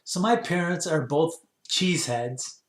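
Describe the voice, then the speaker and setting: A man in his fifties from Wisconsin, casually telling his life story in an unhurried, rambling way with many pauses. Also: fairly high pitch, animated, roomy sound. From Wisconsin, USA. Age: 50s. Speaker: vlogger.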